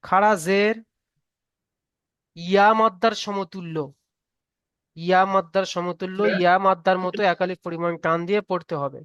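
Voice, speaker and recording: A man's voice: high voice, flat delivery, moderate pace, long pauses, a bit bright, smooth, no echo, highs cut off. A man teaching Quran reading rules in a live online class, patiently repeating each rule and asking students to recite. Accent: Bengali.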